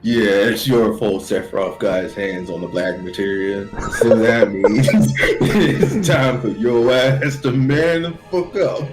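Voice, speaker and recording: A low, unhurried, gruff video game brawler, put on by a man, delivered as hammy amateur acting. He is blunt and sweary, with music clearly playing behind him. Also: rough recording. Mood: blunt scolding. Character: gruff, blunt, profane man scolding his comrade. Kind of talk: amateur read-aloud of video game dialogue.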